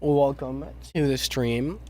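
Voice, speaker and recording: A man's voice: a little high, a bit bright. A man chatting casually on a live stream as a music producer, sick with a cough and talking around a cough drop, rambling and swearing. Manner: rambling, swears often, self-deprecating.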